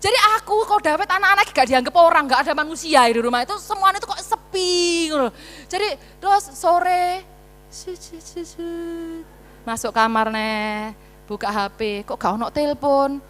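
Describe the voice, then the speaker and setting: A woman preacher, giving an animated, playful sermon with interjections. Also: sits high, fairly quick, big-room sound. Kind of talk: lively sermon. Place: church.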